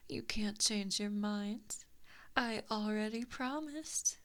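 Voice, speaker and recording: A mid-range female voice whispers breathily into a close binaural mic, playing a possessive, evil giant fox spirit in slow ASMR roleplay. Coaxing and smug, she keeps her tone mockingly sweet yet menacing.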